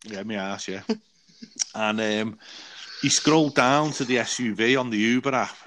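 A man chatting casually, telling an animated travel story and acting out the people in it. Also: on the low side, a little slow, a little hiss or hum. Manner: animated storytelling with quoted voices, swears. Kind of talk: casual chat.

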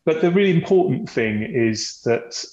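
Animated and at a moderate pace, a man with a medium pitch and darkish tone explains his company's business as a podcast guest. His delivery is conversational yet presentation-like, with frequent repeated words, and the boxy, echoey room gives a dull lo-fi quality.

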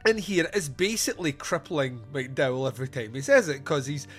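A man's voice: a little high, animated, normal speed, breathy edge, faint music behind. A man hosting a film podcast, chatting casually in a rambling, enthusiastic, sweary way. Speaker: podcast host.

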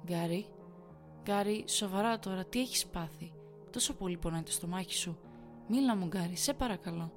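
A woman's voice: lowish voice, faint music behind, natural voice. Woman doing a worried, caring girlfriend. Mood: pleading. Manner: gentle, pleading.

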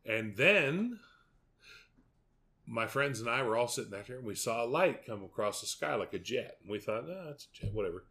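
Podcast co-host, male, middle-aged, Southern US drawl, folksy, punchy bright tone with big pitch swings. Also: animated, normal speed. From southern United States. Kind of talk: folksy casual chat.

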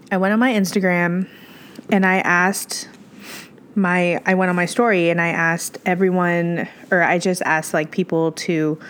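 Young female podcaster, slightly low pitch, stuffy nose. Informal, rambling solo chat that often doubles back on itself. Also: a little hiss or hum. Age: young adult. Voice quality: congested, stuffy-nosed. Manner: informal, rambling, self-interrupting. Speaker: podcast host.

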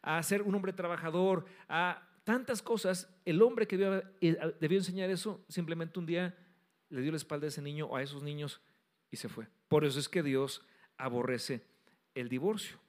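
A middle-aged man preaching a sermon as pastor, emphatic, swinging between loud stresses and soft drops. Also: on the high side, fairly even intonation, normal speed.

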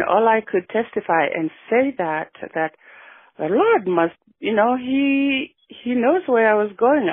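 A woman's voice: mid-range voice, husky, no echo. Retired woman on a phone line. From Fiji. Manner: warm, reflective storytelling with frequent yeahs. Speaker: guest. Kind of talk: casual radio interview. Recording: dry phone-like radio line.

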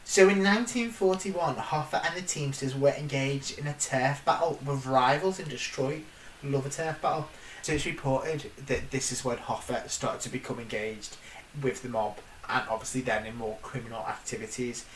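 A woman's voice: very deep voice, normal speed, recorded from a distance. A woman co-hosting a podcast, chatting casually with playful, jokey banter. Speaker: podcast co-host. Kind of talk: casual chat. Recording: echoey room with faint hiss.

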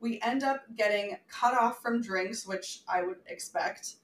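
A woman co-hosting a podcast, telling an animated story in casual chat and acting out quotes. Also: mid-range voice, a little slow, roomy sound, recorded from a distance, rough recording. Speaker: podcast co-host.

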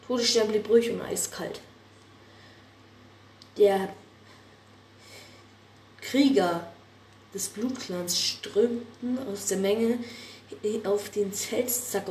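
A woman's voice: medium pitch, slow, long pauses, recorded from a distance. Woman telling a story in an echoey room. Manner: lively, often restarting words. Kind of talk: improvised story narration. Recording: echoey room, faint background noise.

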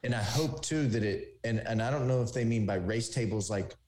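A man's voice: lowish voice, fairly quick, darkish tone. A man co-hosting a casual live-stream chat, thinking aloud with hopeful asides. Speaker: co-host. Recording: roomy echo.

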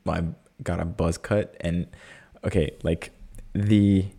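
A man's voice: low voice, fairly even intonation, slow, creaky, dark tone. A man hosting a podcast in loose, rambling casual chat, peppered with "like" and "you know". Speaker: podcast host.

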